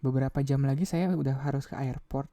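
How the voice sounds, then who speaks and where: A man's voice: mid-range voice, steady tone, fast, dark tone, dry recording, lightly acted. A man reading a novel aloud, voicing an earnest young man who coaxes and insists. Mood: coaxing. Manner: coaxing, insistent.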